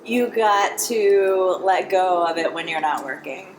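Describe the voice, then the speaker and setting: A woman guest on a podcast, chatting in a relaxed way about going out and eating. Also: lowish voice, takes it slowly, a little hiss or hum. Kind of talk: casual chat.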